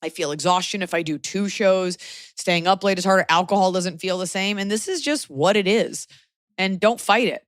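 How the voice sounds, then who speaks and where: A woman's voice: mid-range voice, moderate pace, no echo, studio quality. A woman in her forties hosting a podcast, giving frank, emphatic advice in a casual chat. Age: 40s.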